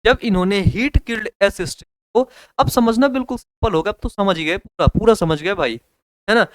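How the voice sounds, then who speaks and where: A young man teaching biology with a Hindi accent, his voice high and smooth. He lectures casually, throwing questions at students and joking between points. The sound is dry and close. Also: a little fast, no room sound. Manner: chatty, repeats questions to students, jokes.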